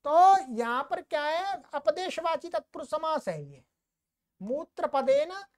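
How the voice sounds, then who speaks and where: A woman with a high voice gives a Sanskrit grammar lecture. She shifts between careful, measured recitation of the rules and easy, conversational explanation. She keeps checking on her listeners as she goes. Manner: explains sutras in Hindi with Sanskrit recitation, chuckles at examples; slows down for Sanskrit terms, repeats "ठीक है". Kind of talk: classroom lecture.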